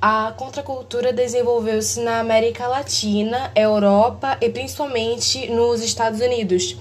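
A woman's voice: fairly high pitch, fairly even intonation, moderate pace. A woman hosts an educational explainer, reading a prepared text with small slips and self-corrections, her audio clipping and distorted. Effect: clipping, distorted blown-out audio. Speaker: host.

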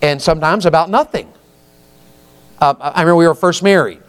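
A man's voice: a little high, fairly quick, clear, resonant tone. A man, preaching a folksy sermon and often asking the congregation questions. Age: 50s.

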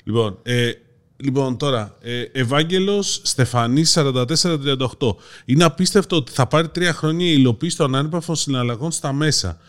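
A Greek man hosts a podcast, working through listener comments one after another. He reads them aloud in an easy, mid-pitched voice and tosses in dry, wry remarks of his own. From Greece. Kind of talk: casual chat.

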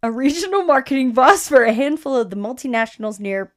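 Brief: young woman, podcast co-host, reads aloud with a slightly high voice, stumbles, swears. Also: expressive, fast talker. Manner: laughs often, swears, stumbles while reading. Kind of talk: casual podcast chat, reading an article aloud.

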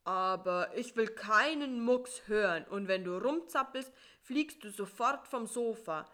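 A woman voicing a grumpy, sleepy male spider in a storybook reading, with a gruff, loud, indignant manner. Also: fairly high pitch, expressive, unhurried.

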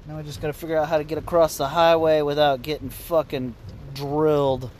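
Rambling man, higher-pitched, over vehicle noise. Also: level tone, brisk, darkish tone. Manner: rambling, thinking aloud, mild swearing. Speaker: road-trip vlogger. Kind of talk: casual solo driving vlog. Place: inside a vehicle on the road. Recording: noisy vehicle interior. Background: road and vehicle noise.

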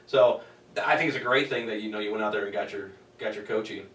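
A man's voice: fairly low pitch, fast, a bit bright, distant mic. A man in his forties hosting an interview, chatty and rambling, full of "you know". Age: 40s. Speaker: interviewer, host. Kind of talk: conversational interview. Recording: echoey room, voice off-mic.

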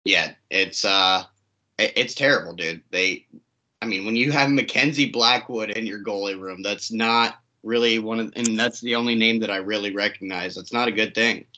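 A man's voice: lowish voice, moderate pace, sharp tone. A man co-hosting a casual hockey podcast, blunt and dry, with the odd curse. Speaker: podcast co-host. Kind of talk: casual sports talk. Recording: dull lo-fi sound.

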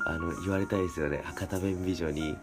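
A man's voice: low-pitched, fairly even intonation. A young man co-hosting a casual late-night podcast chat, polite and easygoing. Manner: easygoing, polite, fast talker. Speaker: radio show co-host, theater actor. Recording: music playing behind the talk.

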